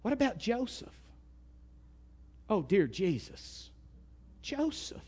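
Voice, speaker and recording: A man with an East Texas accent preaching a sermon in a folksy, emphatic way, swinging from loud bursts to hushed asides. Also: sits high, sing-song, takes it slowly, breathy edge.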